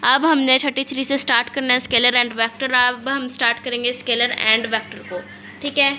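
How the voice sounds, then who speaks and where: Casting: woman teacher, high bright voice, slow read-out definitions, faint hiss behind. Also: steady tone. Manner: explains in mixed Urdu-English, reads definitions slowly, asks and answers own questions. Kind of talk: classroom physics lesson.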